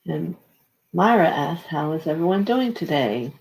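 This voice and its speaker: A host of unclear sex leading a live guided relaxation session in a gentle, halting, unscripted way with pauses. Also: mid-range voice, expressive, gravelly, low-quality recording. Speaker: spiritual session host leading singing bowl meditation.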